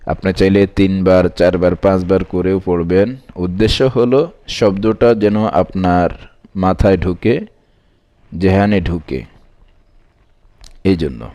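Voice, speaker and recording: A man teaching Quran reading, who sounds out each syllable slowly and repeats whole words several times, with quicker spoken instructions in between. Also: warm tone. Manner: brisk, lower-voiced asides explaining between drills. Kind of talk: slow syllable-by-syllable recitation lesson.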